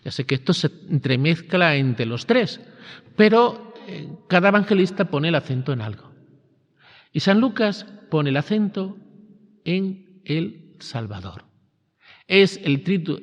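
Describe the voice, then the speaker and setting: A man preaching a retreat sermon as a priest, with emphatic phrasing that rises and falls and slows on key words. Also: on the high side. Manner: emphatic, rising and falling preaching cadence with slow stressed phrases. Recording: dull lo-fi sound with long reverb.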